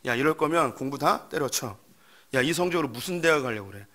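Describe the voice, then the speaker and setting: A man playing a loud, berating father. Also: mid-range voice, lively intonation, a little fast, lightly acted. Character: angry father scolding his son over grades.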